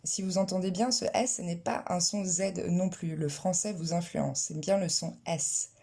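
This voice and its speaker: Woman, language teacher, lowish pitch, unhurried, repeats words carefully. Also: steady tone, warm tone. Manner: slow, careful, drilling words one by one. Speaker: English pronunciation teacher. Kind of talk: online pronunciation lesson.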